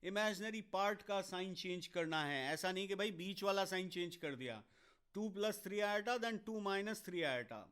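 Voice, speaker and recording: A man's voice: high-pitched, a bit bright, clean tone. A man teaching a maths lecture to exam students, switching between Hindi and English with an Indian accent, working through steps and answering comments from students. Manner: explains step by step, mixing Hindi and English; talks to students directly, quick asides to chat. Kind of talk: online exam-prep lecture.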